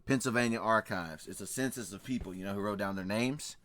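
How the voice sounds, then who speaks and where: A man hosts a reaction video, reading old records and scripture aloud as casual commentary, repeating key phrases emphatically and often asking "right?" His voice is on the low side, a bit bright, and slightly fast, with no room sound.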